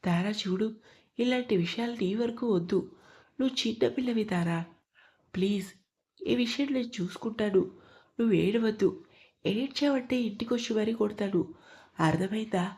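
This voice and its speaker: Woman doing a furious young man, loud, forceful, mellow dark tone, audio story. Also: medium pitch, normal speed, pauses often, close to an everyday voice. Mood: stern. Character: angry young man vowing revenge.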